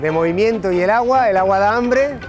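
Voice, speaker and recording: Middle-aged aragonese guy, chatty and relaxed, slightly higher voice, music behind. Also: fairly quick. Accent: Aragonese Spanish. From Spain. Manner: relaxed, explanatory, with frequent fillers. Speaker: interviewee. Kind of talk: casual chat while touring.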